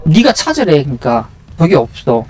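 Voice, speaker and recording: A man's voice: fairly high pitch, wildly swooping pitch, normal speed, a little mellow, faint music behind. A man giving casual live video game commentary, muttering and thinking aloud to himself as he plays.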